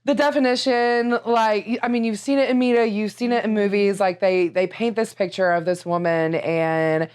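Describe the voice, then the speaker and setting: A woman's voice: mid-range voice, moderate pace, hardly any pauses, clear, resonant tone. A woman co-hosting a podcast, chatting casually and laughing easily. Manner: laughs easily, animated asides. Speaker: podcast co-host. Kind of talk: casual chat.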